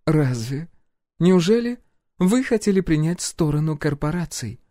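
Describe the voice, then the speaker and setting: A man's voice: on the high side, big pitch swings, unhurried, warm tone, dry recording, studio quality, pitched above the performer's own voice. Man voicing a commanding imperious empress. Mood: coolly insistent. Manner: insistent, commanding, coolly polite. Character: proud imperious empress, middle-aged woman.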